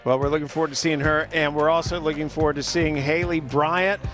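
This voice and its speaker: A man's voice: on the high side, steady tone, a little fast, a bit bright. Male sports broadcast host over music. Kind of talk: live TV sports commentary.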